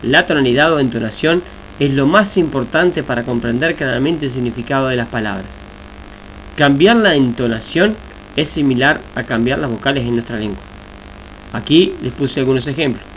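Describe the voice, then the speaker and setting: A man teaching a recorded Yoruba language lesson, explaining slowly and deliberately with examples. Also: medium pitch, fairly bright tone, poor audio. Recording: faint hiss and mains hum.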